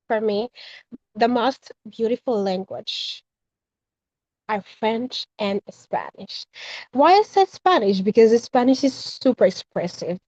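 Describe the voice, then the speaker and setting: A woman's voice: on the high side, warm tone, no room sound, highs cut off. A young Haitian woman, raised in the Dominican Republic, earnestly giving her answer in a live debate over a video call. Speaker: student participant.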